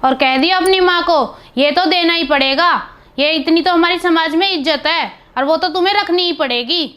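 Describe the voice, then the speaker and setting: A woman's voice: very high voice, normal speed, a bit bright. A woman voicing a greedy, scornful middle-aged mother-in-law who scolds and insults her daughter-in-law. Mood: angry. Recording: piano music behind.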